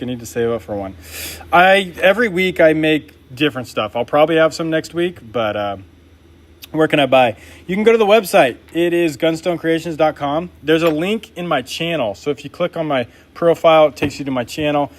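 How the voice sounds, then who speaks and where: A young man making knives and chatting casually with his live-stream viewers while he works, upbeat and laid-back. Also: fairly high pitch. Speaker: knife maker live-streaming his work.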